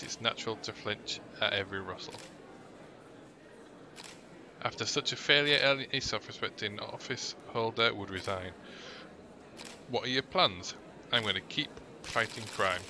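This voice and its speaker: Man, gaming video, low voice, reads game text, noisy background. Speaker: gaming YouTuber. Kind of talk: let's play, reading game text aloud.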